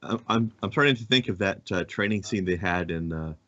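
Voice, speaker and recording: Low-voiced joking male player. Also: fairly quick, sharp tone, dry recording, dull audio. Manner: joking, teasing. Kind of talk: tabletop game banter.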